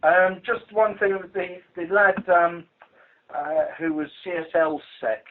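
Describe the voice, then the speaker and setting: A British police investigator with a high voice speaks slowly in an informal phone briefing about work, coming across as dry, blunt, and hesitant. The conference call audio is muffled.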